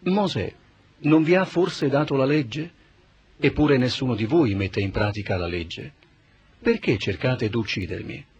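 A man playing Jesus as a calm, solemn teacher in a dramatized Bible reading, speaking in a measured, grave way. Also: medium pitch, slightly rough, lo-fi sound.

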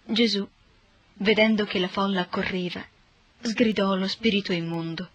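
Woman narrator for a Bible reading, husky, dry close sound. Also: medium pitch, no room sound, muffled recording. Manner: steady, measured reading.

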